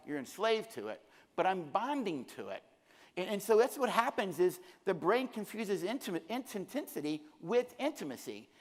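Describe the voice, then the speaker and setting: A middle-aged man presenting at a conference, speaking earnestly and repeating phrases for emphasis. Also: high voice. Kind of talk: conference lecture. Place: conference hall. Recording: long hall reverb.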